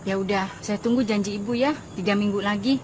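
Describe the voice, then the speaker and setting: An actress playing a patient but firm small-business creditor in a TV drama, polite and measured. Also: female voice, mid-range voice, slight background noise, lightly acted. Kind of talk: TV film drama acting.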